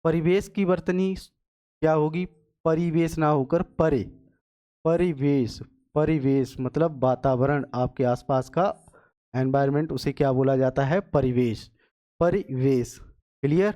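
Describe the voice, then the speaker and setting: A man's voice: fairly high pitch, steady tone, mellow. Patient male Hindi exam teacher. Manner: patient, repeats words slowly and checks with "clear?". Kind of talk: exam-prep lesson.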